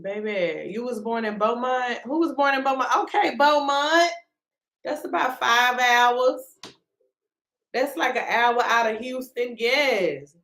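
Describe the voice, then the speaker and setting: A woman's voice: on the high side, slow pace, fairly bright tone, echoey room. Drawling, exasperated woman streamer. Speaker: live-stream host. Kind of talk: casual live-stream commentary.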